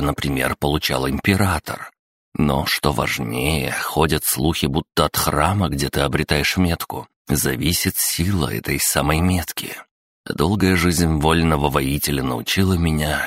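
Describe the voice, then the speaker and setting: A man reads a first-person story in an extremely deep, low voice. His delivery is measured with a dry, wry edge. The sound is close and dead, with no room around it. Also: a bit bright, no echo. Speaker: audiobook narrator. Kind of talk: scripted first-person narration.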